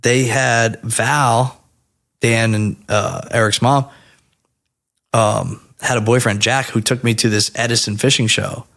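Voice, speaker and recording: As a guest on a podcast, a man in his thirties from New Jersey tells stories in a casual, animated, profane way. His mid-range voice is gravelly and slow.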